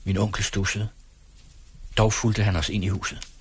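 A man reading a first-person literary story aloud in a measured way. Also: lowish voice, level tone, husky, no echo. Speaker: audiobook reader.

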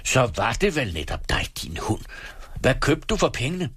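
A man's voice: medium pitch, very animated, a bit bright, husky, no room sound, voice pushed up. A man voicing a thundering, furious father. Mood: angry. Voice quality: raised, thundering delivery. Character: hot-tempered, bullying poor father, middle-aged man. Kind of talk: audiobook reading.

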